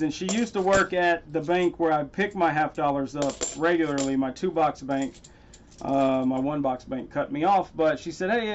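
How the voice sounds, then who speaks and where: A man hosting a casual coin-hunting livestream. He talks straight to his chat viewers by name and gets loudly excited over his finds. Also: fairly high pitch, lo-fi sound, a little hiss or hum.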